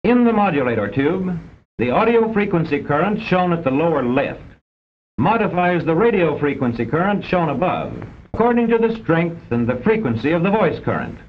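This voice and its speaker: A man narrates an old educational film from a script, formal, precise and didactic, with a sing-song voice at a moderate pace. The vintage soundtrack is dull and carries a rumbling noise.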